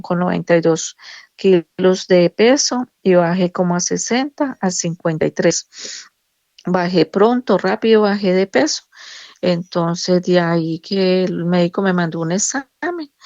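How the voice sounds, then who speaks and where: A middle-aged woman, a nurse, giving a personal religious testimony in a halting, emotional way with many restarts. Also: on the low side, darkish tone, no echo, lo-fi sound.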